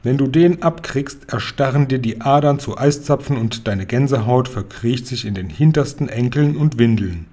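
A man reading aloud, voicing a big, kindly old male giant who gets excited and mixes up his words. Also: medium pitch, moderate pace, few pauses, natural voice. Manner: excited, garbled word choices.

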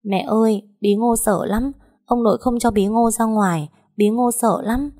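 A woman's voice: on the high side, normal speed, dark tone, pitched above the performer's own voice, natural voice. A woman playing a tearful, clingy little girl. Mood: tearful pleading. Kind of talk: audiobook dialogue.

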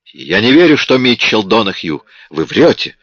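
A man's voice: medium pitch, sing-song, moderate pace, vocal fry, fairly bright tone, no echo, pitched above the performer's own voice, exaggerated voice. A man reading an audiobook, voicing a huge, desperate father who pleads and rages. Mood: furious. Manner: pleading then roaring in rage. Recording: dull lo-fi audiobook recording.

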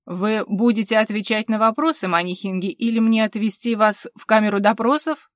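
A loud, bullying male inspector barks his accusations in an audiobook, clipped and commanding, as a woman reader puts him on. The sound is close and dry. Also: medium pitch, a little fast, no room sound, close to an everyday voice. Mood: barking. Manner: barking, accusing.

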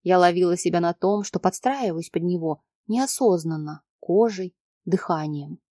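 A woman narrating a story in the first person, with an even, measured reading. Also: fairly low pitch, dry recording, clean studio sound. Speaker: audiobook narrator.

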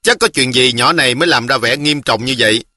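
A man voicing a grumpy, bossy older-brother boy, gruff and scolding. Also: mid-range voice, fast talker, bright, forceful tone, no room sound, clean studio sound.

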